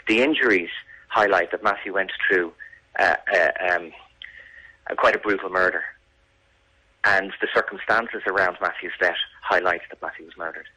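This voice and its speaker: Bloke being interviewed on radio, really deep but bright forceful voice, earnest, doubles back on his words. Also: moderate pace, slightly rough, low-quality recording. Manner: emphatic, earnest, repeats words. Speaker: radio interview guest, victim's family campaigner. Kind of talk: serious live interview answers.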